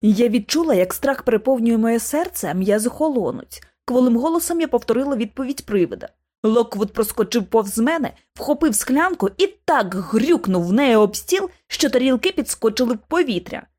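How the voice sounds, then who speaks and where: A woman narrating an audiobook in the first person, with expressive, dramatic delivery. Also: fairly high pitch, moderate pace, hardly any pauses. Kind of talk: scripted narration.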